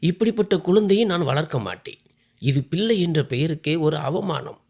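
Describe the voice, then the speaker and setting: A man reading as a furious shouting husband. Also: on the high side, animated, normal speed, vocal fry, voice pushed up. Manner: shouting, accusing. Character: angry husband shouting at his wife.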